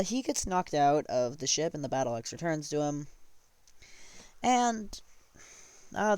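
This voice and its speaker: Slow, lively male storyteller. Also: on the high side, clean tone, no room sound. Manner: rambling, self-correcting. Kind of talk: casual storytelling of a tabletop game.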